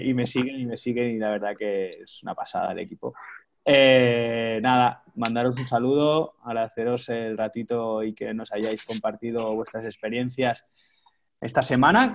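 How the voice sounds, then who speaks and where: A man from hosts a casual podcast in a halting way, often repeating his words. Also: mid-range voice, a little hiss or hum. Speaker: host, coach.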